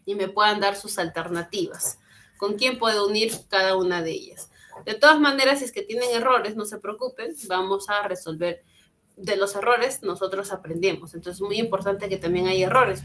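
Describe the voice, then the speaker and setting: A slightly bright, mid-range female voice comes through a computer mic on a video call. She is running an online English class, encouraging and patient, going over phrases again and translating them.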